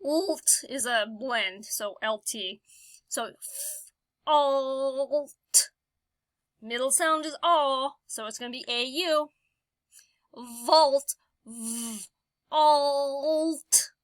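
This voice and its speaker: A woman teaching a phonics lesson, slowly sounding out vowel sounds and stretching each one out for the learner. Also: high-pitched, a bit bright, dry recording. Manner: slow, drawn-out sounding of vowels.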